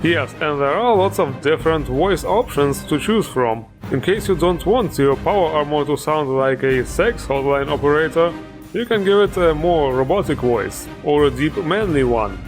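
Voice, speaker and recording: A man's voice: fairly high pitch, animated, moderate pace, over music. A man hosting a game mod showcase, upbeat and joking, with plenty of enthusiasm. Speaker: host.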